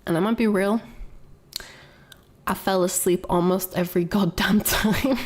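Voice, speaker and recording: Chatting loosely with viewers, a young woman streamer keeps restarting and filling pauses, her nose stuffed up from a cold. Her mid-range voice is expressive, slow, and darkish.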